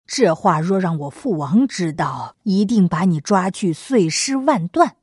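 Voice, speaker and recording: A woman's voice: fairly low pitch, animated, takes it slowly, breathy edge, dry recording, clean studio sound, voice pushed down, heavily acted. A woman playing an indignant young prince. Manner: loud, angry outbursts.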